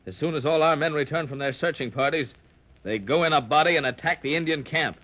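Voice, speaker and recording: Decisive sea captain, nautical heartiness, old radio adventure delivery, dull lo-fi recording. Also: male voice, on the high side, fast, fairly bright tone. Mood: resolute.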